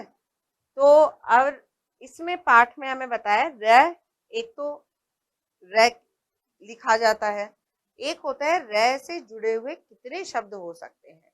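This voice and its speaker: A woman teaching small children at a very unhurried pace. Her voice sits a little high, and she says each word slowly and often more than once, pausing to check that the class is following. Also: a bit bright. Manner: patient, repeats words slowly and checks in with "है ना". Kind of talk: slow primary-school lesson.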